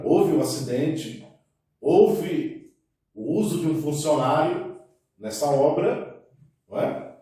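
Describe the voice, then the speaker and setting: A man's voice: mid-range voice, warm tone. Man commentating news in an echoey room. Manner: frequent "né" tags and self-restarts. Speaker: news commentator on a podcast panel. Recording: very echoey room, mic at a distance.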